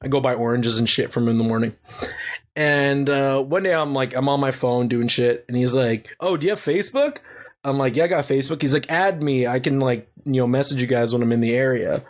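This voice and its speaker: A young man, a co-host on a laid-back comedy podcast, tells a long, crude story full of swearing and rambling tangents. His voice sits at a medium pitch and moves a little fast.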